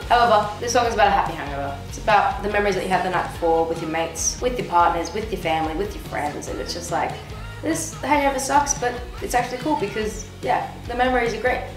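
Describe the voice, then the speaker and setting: A woman's voice: on the low side, quick pace. A woman in her twenties, hungover, chatting casually and playfully in slang with bursts of exclamation while she eats on camera. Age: 20s. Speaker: singer-songwriter discussing own song. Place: indoor studio set with backdrop. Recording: echoey room, music behind.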